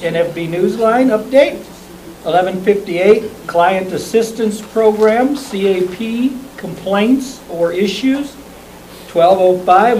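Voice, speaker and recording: A man, a board member, reading a meeting agenda aloud in a plain, steady way, with small asides. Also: high-pitched, a little hiss or hum, low-quality recording.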